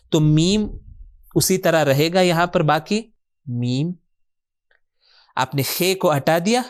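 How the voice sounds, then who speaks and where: Patient male teacher quizzing himself aloud. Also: fairly high pitch. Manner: patient, asks questions and answers them himself, repeats words slowly; mixes English words into his speech. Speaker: Quran and Arabic grammar teacher. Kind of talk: recorded classroom lesson explanation.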